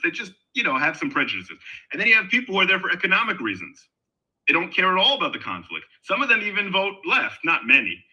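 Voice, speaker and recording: Middle-aged man from Israel for a voice-chat debate, lively pitch, emphatic with restarts. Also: highs cut off. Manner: animated, emphatic, with frequent restarts. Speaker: guest in an online discussion. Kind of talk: casual debate talk. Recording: voice call on a discussion server.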